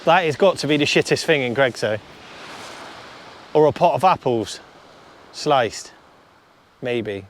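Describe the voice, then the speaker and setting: A man's voice: mid-range voice, lively intonation, unhurried, long pauses. Male angler vlogger, casual and mumbly, outdoors with crashing surf. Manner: chatty, mutters to himself, swears casually. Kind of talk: casual outdoor fishing vlog. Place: shingle beach by the sea, outdoors. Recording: surf noise behind.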